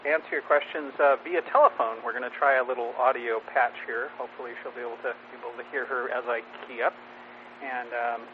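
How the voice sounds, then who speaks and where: A man's voice: mid-range voice, steady tone, a little fast. A man running a ham radio net as its control operator. He reads a set welcome with some fillers and restarts, heard over a radio transmission with static. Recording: tinny radio audio with static.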